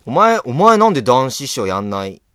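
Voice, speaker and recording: A man's voice: mid-range voice, sing-song, a little fast, pushed and bright, smooth, no room sound, studio quality. A young man co-hosting a comedy duo's radio show, bossing and teasing his partner in casual banter. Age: young adult. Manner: teasing, bossy challenges. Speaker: comedy duo member, radio host.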